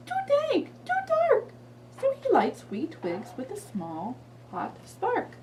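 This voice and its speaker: A woman reads a picture book aloud as if to a toddler. Her delivery is expressive and sing-song, with key words stretched and stressed. Her voice sits at a middling pitch, and there is audible noise in the recording. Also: far from the mic. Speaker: children's librarian demonstrating read-aloud books.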